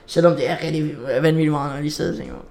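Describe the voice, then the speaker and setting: High-pitched man, chatting casually. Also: flat delivery, a little mellow. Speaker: host of a football prediction talk. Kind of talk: casual chat.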